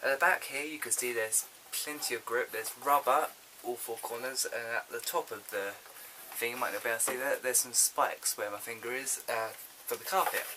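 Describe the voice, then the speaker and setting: A loud hiss from a built-in camera microphone sits under the voice of a man. He speaks at an average pitch in an informal, halting way, thinking aloud as he presents an unboxing. Small clicks turn up in the recording. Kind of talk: casual unscripted vlog chat.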